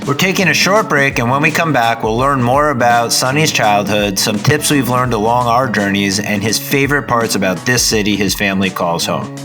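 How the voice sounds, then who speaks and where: A man's voice: mid-range voice, moderate pace, few pauses, over music. A man hosting a podcast, talking in a chatty, conversational way and often checking in with "right?" and "you know?". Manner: chatty, conversational, tag questions. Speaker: podcast host. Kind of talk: casual podcast interview.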